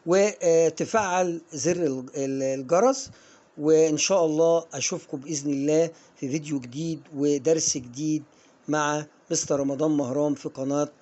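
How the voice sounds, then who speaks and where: A man with an Egyptian Arabic accent giving an online English pronunciation lesson, coaxing viewers and slowing down to model each word. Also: on the high side, fairly even intonation, mellow, muffled recording. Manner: coaxing, drills viewers, slows down to model words.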